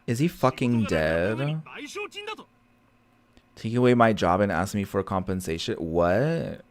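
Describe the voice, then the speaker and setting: Speaking slowly and expressively in a lowish voice, a man who is a native Portuguese speaker streams a visual novel as a gaming content creator. His casual commentary is sassy and opinionated, he swears freely, and music plays in the background.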